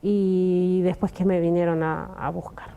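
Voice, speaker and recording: A woman's voice: fairly low pitch, little pitch movement, a little slow, mellow, clear, resonant tone, highs cut off. A young adult woman, giving an earnest personal testimony and often addressing the pastor. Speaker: testimony guest.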